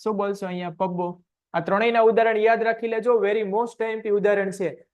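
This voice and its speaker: A man teaching a science class online, asking quick questions and answering them himself. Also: high-pitched, steady tone, darkish tone.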